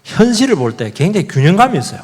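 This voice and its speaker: Lively high-voiced male pastor preaching. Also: rapid-fire, husky, long reverb tail. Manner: animated, repeats key words, asks the congregation questions. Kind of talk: sermon. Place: church sanctuary.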